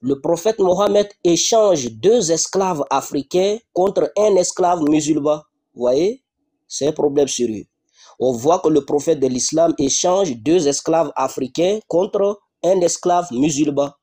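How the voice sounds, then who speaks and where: Insistent man reading texts, husky. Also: fairly high pitch, unhurried, warm tone. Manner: insistent, repeats rhetorical questions. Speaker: debater reading religious texts. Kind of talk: live debate monologue.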